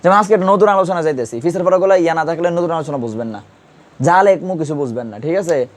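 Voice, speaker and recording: In a classroom lesson, a male Urdu grammar teacher keeps putting repeated questions to his students. He speaks a little high and at a quick pace.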